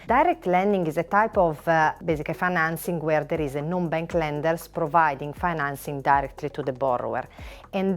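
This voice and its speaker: A middle-aged Italian finance lawyer with an Italian accent and a low-pitched voice answers a panel interview question. She responds in a measured way, listing items and pausing often.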